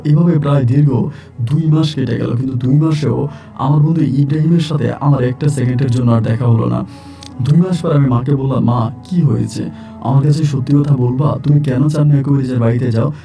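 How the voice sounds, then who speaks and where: A man's voice: medium pitch, vocal fry, mellow. A man telling a first-person supernatural story in a dramatic way, repeating phrases and speaking directly to his listeners. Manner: repetitive, dramatic retelling, addresses listeners. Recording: distant mic, faint background music.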